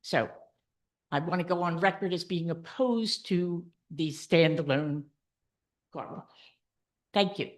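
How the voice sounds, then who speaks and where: A woman addresses a township council from the podium microphone during public comment. She speaks slowly and deliberately in a somewhat low voice. She reads through a list and then makes her point with earnest emphasis. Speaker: resident giving public comment. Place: township council meeting room.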